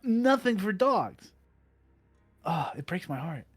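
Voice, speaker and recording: Excited rpg player dude, kinda high voice, rambles then trails off. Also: male voice, takes it slowly, husky, no echo, soft background music. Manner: enthusiastic, trails off softly at ends. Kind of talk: casual chat.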